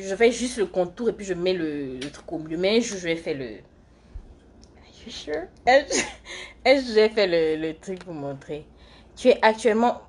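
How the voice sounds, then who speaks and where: A young woman talks loosely and chattily on a livestream. She rambles from one viewer question to the next while doing her makeup, and her voice sits at a middling pitch. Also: darkish tone. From Côte d'Ivoire. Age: young adult. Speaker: live streamer and student. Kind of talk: casual livestream chat answering viewer comments.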